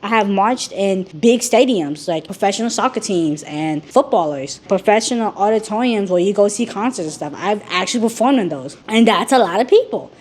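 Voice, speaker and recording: A woman talking frankly in a rambling personal vlog, her voice rough from being sick. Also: mid-range voice, expressive, moderate pace, few pauses, a little mellow. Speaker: YouTuber.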